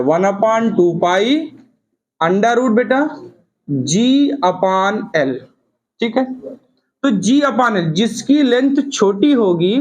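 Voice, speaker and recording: High-voiced man teaching physics. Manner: explains step by step, often addressing students as children. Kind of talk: classroom physics lecture.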